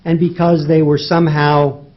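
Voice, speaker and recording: Pitched high for a man, this federal court lawyer speaks to a judge in oral argument with a flat delivery at normal speed. Rhetorical questions and emphatic repetition of key words carry his case, and the recording sounds dull and lo-fi.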